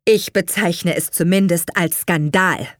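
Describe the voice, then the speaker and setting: A woman's voice: lowish voice, steady tone, a little slow, no echo, studio quality, natural voice. A woman voicing a firm, indignant young man standing up to his parents in an audiobook reading. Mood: firm defiant.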